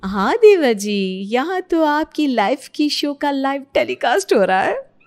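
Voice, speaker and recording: A teasing elder sister-in-law, played by a woman with a fairly high voice. She mocks everyone in a playful, cheeky way. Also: sing-song, measured pace, a little mellow, full character voice. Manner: teasing, mocking.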